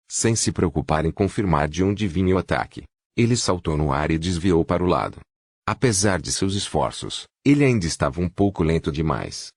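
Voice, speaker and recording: A man narrating a fantasy novel as an audiobook, reading in a steady, even pace. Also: sits low, dry recording, studio quality.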